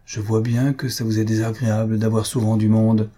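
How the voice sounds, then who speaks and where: A man's voice: lowish voice, monotone, brisk, dark tone, lightly acted. A man voicing a breezy young husband. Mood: defensive. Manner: lightly defensive.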